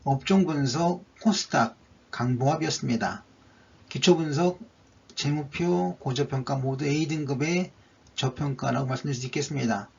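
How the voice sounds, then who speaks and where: A man's voice: mid-range voice, normal speed, gravelly, darkish tone. A man narrating a stock chart analysis, going methodically through each indicator one by one, on a dull lo-fi recording.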